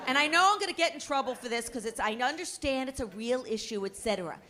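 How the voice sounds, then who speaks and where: A woman's voice: sits high, expressive, quick pace, crowd noise, background noise. A middle-aged woman doing a stand-up comedy routine, ranting in a brash, profane, self-mocking way.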